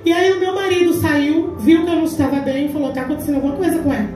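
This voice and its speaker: Speaking very fast in a high, dark-toned voice with a steady delivery, this woman in her forties is a Brazilian deaconess with a Brazilian Portuguese accent. She gives a forceful testimony sermon at a women's congress, voicing the conversation she retells. She is heard from a distance in a big echoing church hall, with soft music behind her.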